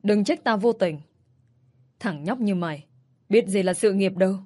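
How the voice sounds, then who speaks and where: A woman's voice: mid-range voice, normal speed, mellow, lightly acted. A woman voicing an arrogant, vengeful young man who makes cold threats in a narrated story. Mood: coldly threatening.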